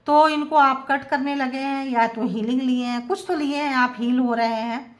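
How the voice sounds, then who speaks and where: A tarot reader, a woman with a fairly high voice, talks her viewers through a channelled reading. She moves easily between languages and slows right down when she reads out a message in English. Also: fairly even intonation. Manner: mixes English phrases into Hindi, reads out slow English messages.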